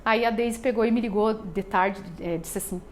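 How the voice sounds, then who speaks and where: A woman's voice: medium pitch, normal speed, slight background noise. A woman with a southern Brazilian accent from Rio Grande do Sul, nervously telling a heartfelt church testimony in a rambling way, full of fillers and restarts. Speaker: church member giving testimony. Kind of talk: emotional personal church testimony.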